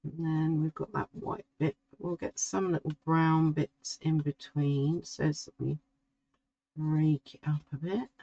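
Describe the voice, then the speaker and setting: A middle-aged woman, slowly talking through a drawing as she works and musing to herself. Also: low-pitched, fairly even intonation, creaky, dark tone, no echo, lo-fi sound. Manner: slow, musing, talks to herself while drawing. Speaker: art tutor. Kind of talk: relaxed painting tutorial.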